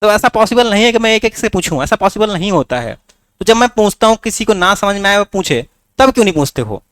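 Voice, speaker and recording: A man's voice: sits high, sing-song, fast, a bit bright, dry recording, studio quality. A man teaching a class with a north Indian Hindi accent, coaxing students with rhetorical questions. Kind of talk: classroom lecture.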